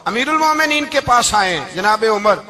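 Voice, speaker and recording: A man preaching a religious sermon, impassioned, moving from soft storytelling to shouts and slow chanted verses. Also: high-pitched, lively intonation. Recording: live event with audible crowd. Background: audience crowd.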